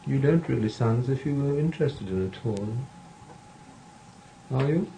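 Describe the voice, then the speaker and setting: A man hosting a party who gently coaxes a guest with one question after another. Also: mid-range voice, animated, normal speed, vocal fry, a little hiss or hum, poor audio. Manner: coaxing, asking question after question. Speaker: host. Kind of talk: casual chat.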